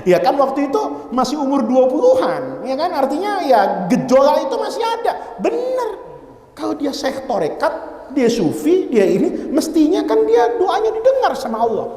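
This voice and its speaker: A man's voice: extremely high pitch, huge pitch swings, normal speed, mellow. A man preaching a humorous sermon in a mosque, teasing the congregation by name as he teaches a classical text. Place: mosque hall. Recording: echoey mosque hall with long reverb.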